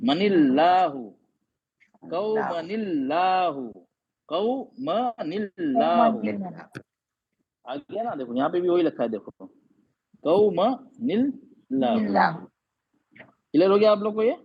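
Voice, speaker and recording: A man's voice: sits high, very animated, fast, hardly any pauses. A male Quran teacher explaining reading rules in an online class, patiently quizzing his students again and again. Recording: dull lo-fi audio.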